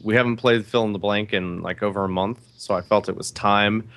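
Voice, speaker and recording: A man's voice: on the low side, steady tone, brisk, fairly bright tone. A man hosting a casual gaming podcast, running a quiz game and laughing often.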